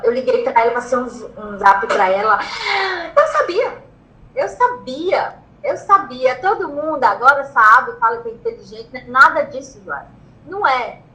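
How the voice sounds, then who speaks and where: A Brazilian woman with a high, bright voice tells her own story in an interview. She talks excitedly, repeats phrases and acts out what she once shouted. The room gives her voice a noticeable echo. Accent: Brazilian Portuguese. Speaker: interviewee, law graduate who passed the bar exam. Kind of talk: emotional personal storytelling.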